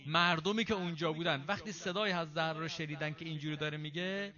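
A man giving a religious lecture, reading Arabic passages and explaining them in casual spoken Persian, with quick asides to his listeners. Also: on the high side, steady tone, bright, forceful tone. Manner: quick, conversational asides to the audience. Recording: dull lo-fi recording.

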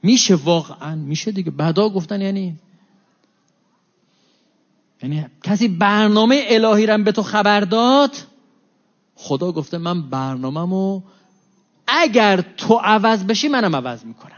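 Animated high-voiced man preaching, lo-fi. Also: pauses often. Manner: animated, acts out quoted exchanges with rises and drops in voice. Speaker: religious lecturer. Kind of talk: religious talk to an audience. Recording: dull lo-fi recording.

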